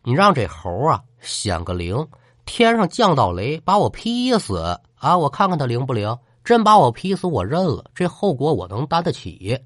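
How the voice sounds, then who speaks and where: A man's voice: mid-range voice, wildly swooping pitch, normal speed, fairly bright tone, dry recording, studio quality. A man doing a brash, mocking young man. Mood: defiant. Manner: defiant, taunting.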